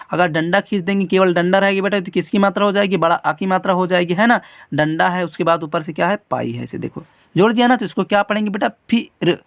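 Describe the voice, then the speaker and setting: A teacher hosting a children's writing lesson, patient and repetitive, calling the viewer "beta" and dragging out letter sounds slowly. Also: medium pitch, no room sound, studio quality. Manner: drags out letter sounds slowly when demonstrating. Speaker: teacher and channel host.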